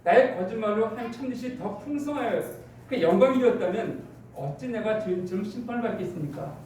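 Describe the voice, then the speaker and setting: A man's voice: sits high, expressive, fairly quick, a little mellow, a little hiss or hum. A Korean-speaking male pastor preaching a sermon, walking through scripture and acting out everyday examples with quoted dialogue. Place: church sanctuary. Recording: echoey church hall, mic at a distance.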